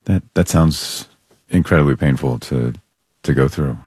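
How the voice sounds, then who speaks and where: A man hosting a show, asking gentle, searching questions with some hesitations. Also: rumbling low, unhurried, breathy edge, no echo, studio quality. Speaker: podcast host. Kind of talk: interview questions.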